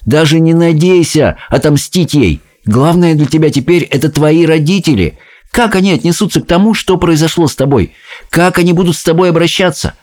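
A man doing a calm, clever young boy-mouse. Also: a little high, brisk, voice pushed up, lightly acted. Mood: earnest. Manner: calm, persuasive, a little sly.

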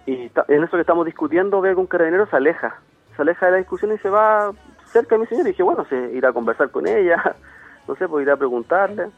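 Fast-talking Chilean man on a phone line. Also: on the high side, animated, no room sound, faint music behind. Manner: rapid retelling full of quoted dialogue. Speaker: interviewee on a radio call. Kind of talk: phone-in interview account. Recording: tinny phone line, dry.

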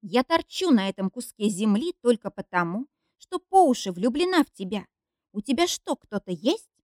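Audiobook: clingy jealous young woman voiced by a woman reader, higher and louder, accusing, dry close sound. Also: big pitch swings, normal speed, no echo. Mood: pleading, jealous. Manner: emotional, accusing and whiny. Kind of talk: audiobook character reading.

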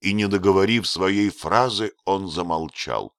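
A man narrating an audiobook in a steady storytelling manner, slowing on key words. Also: low voice, smooth, no echo, clean studio sound.

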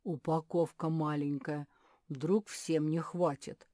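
Woman doing a big slow gentle bear. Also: lively intonation, dry recording, clean studio sound. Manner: slow, bass, polite.

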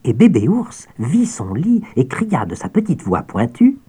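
A man narrating a children's audiobook with expressive storytelling and soft asides. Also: medium pitch, measured pace, slightly rough.

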